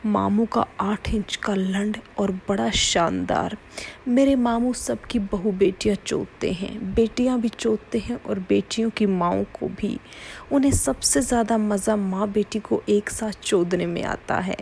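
Gravelly-voiced woman narrating a story. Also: medium pitch, measured pace, a little mellow, slight background noise. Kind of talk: first-person erotic story reading.

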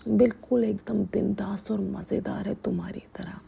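A woman voicing a sly, coaxing middle-aged father-in-law in a whispered role-play, keeping her own hushed voice. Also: medium pitch, steady tone, normal speed, creaky, slight background noise.

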